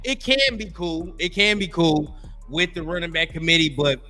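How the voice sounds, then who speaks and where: A man's voice: fairly high pitch, animated, moderate pace, pushed and bright, soft background music. A young man chatting casually about sports as a show panelist, in laid-back, slangy bro talk.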